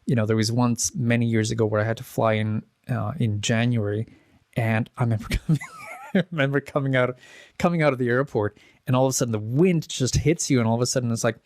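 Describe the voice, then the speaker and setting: A man's voice: mid-range voice, steady tone, a little fast, no room sound, clean studio sound. A man in his forties from the Czech Republic, a guest in a casual interview, rambling and restarting with chuckles. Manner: rambling, self-correcting, chuckles at his own stories. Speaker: interview guest, pianist and composer.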